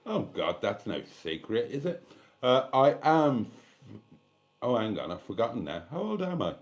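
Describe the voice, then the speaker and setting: A man in his fifties hosts a live stream, chatting casually and reading out comments bluntly and candidly, swearing and wandering into rambling asides. His medium-pitched voice is very animated yet unhurried.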